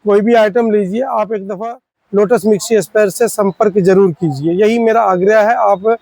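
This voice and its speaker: Man, shop owner, pleading and repetitive pitch, high voice, dry close sound. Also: fairly even intonation, normal speed, darkish tone, dry recording, poor audio. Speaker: spare parts shop owner. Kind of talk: product explainer to shopkeepers.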